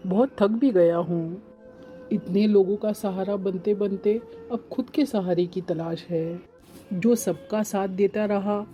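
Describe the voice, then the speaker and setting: A woman voicing a grieving, lonely middle-aged father in a cartoon, talking slowly and pleadingly. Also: mid-range voice, dark tone, natural voice. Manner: sorrowful, slow and pleading. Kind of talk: cartoon voice acting.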